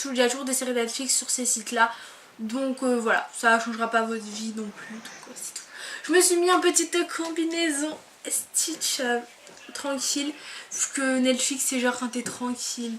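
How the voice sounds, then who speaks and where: Bright-voiced young woman vlogging casually. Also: fairly high pitch, slight background noise. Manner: chatty, filler-heavy and relaxed. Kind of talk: casual chat to camera. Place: bedroom, on her bed.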